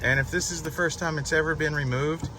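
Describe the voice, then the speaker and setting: A man's voice: on the high side, steady tone, fairly quick, noisy background. A man giving a patient step-by-step car repair walkthrough, guiding a helper as he goes.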